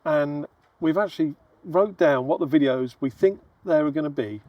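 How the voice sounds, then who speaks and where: Travel vlogger, English male, jokey and chatty; slightly higher voice, dry sound. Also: normal speed, no echo, muffled recording. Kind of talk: casual chat. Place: outdoors at a museum.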